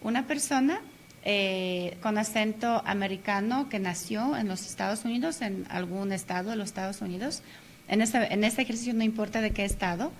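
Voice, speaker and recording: Woman, radio guest, teacher; mid pitch, hesitant explainer, faint noise. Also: normal speed. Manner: explanatory, many hesitation fillers. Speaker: interview guest, language teacher. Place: radio studio.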